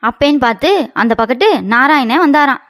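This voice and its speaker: A woman narrates a children's comedy tale in a folksy, storytelling way, her voice sitting high. A faint hiss runs underneath. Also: brisk. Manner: folksy storytelling, lines ending in "they say".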